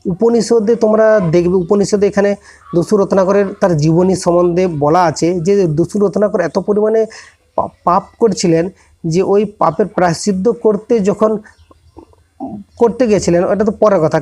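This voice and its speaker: A man with a fairly high voice gives a relaxed moral lesson to students. He talks to them directly and conversationally, often breaking off and restarting his sentences as he works through his point. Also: normal speed. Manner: conversational, many restarts and self-corrections, addresses listeners directly. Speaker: online tutor giving a moral talk. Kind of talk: informal motivational lecture to students.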